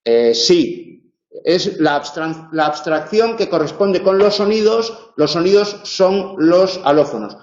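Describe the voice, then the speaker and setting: This university lecturer's voice is high, animated and darkish in tone. He's giving an online tutoring lecture in a large room with dull acoustics, explaining carefully and sounding things out slowly.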